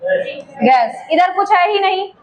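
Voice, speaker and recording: A woman's voice: very high voice, animated, takes it slowly, low-quality recording. A woman teacher with an eastern Uttar Pradesh Hindi accent, teaching a chemistry class and coaxing students with teasing questions.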